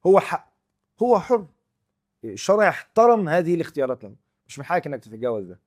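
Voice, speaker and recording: A man with an Egyptian Arabic accent giving a Quran commentary lecture, emphatic and moving from loud stress to near-murmurs. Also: medium pitch. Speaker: preacher.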